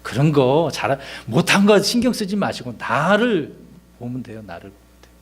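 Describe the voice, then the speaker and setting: A man's voice: fairly high pitch, big pitch swings, normal speed, husky. A man, a pastor, preaching a sermon in a conversational way, asking his congregation rhetorical questions and acting out the lines he quotes.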